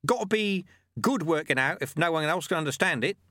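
A man's voice: fairly high pitch, animated, brisk, pushed and bright, dry recording, studio quality, pitched above the performer's own voice. A man voicing an old, wry male monk who lectures in an offhand, chatty way.

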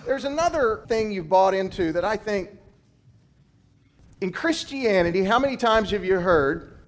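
Guy with a kinda high voice, ex gymnastics coach preaching to students, emphatic, swoops up and down, goes low and quiet on the big lines. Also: animated, a little slow. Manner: emphatic storytelling, big swings in pitch and loudness; drops low and quiet to land key points. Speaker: former gymnastics coach, speaker.

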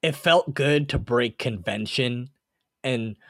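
A man with a medium-pitched voice co-hosts a casual podcast. He rambles along in loose, slangy talk. The recording is dry and free of room sound. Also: slow, fairly bright tone, dry recording. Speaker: podcast co-host. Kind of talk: casual chat.

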